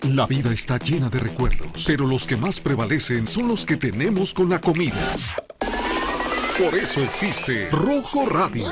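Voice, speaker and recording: Announcer man over loud music. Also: mid-range voice, very animated. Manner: measured, announcer-style delivery. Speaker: show announcer. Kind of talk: scripted radio intro voice-over.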